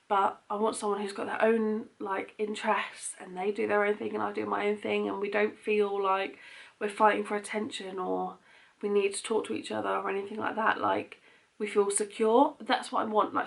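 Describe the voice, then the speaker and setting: A young British woman talks in a casual, confiding vlog style. Her voice sits at an ordinary female pitch with a strong creaky fry. She rambles candidly, padding her thoughts as she goes. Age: young adult. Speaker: vlogger. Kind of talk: casual chatty Q&A to camera.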